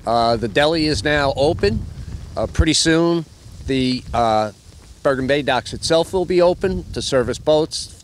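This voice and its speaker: A man's voice: mid-range voice, slight background noise. An older man hosting a fishing report on location, chatting casually with many fillers into a handheld mic. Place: outdoors at docks, then inside a deli.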